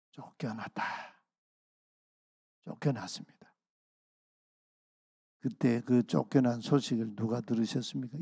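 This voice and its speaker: Male pastor, sermon voice, gravelly, dry close sound, earnest with slowed emphasis. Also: mid-range voice, dark tone, dry recording. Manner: earnest preaching, slows and stresses key phrases. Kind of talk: sermon at a dawn prayer service. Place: church sanctuary.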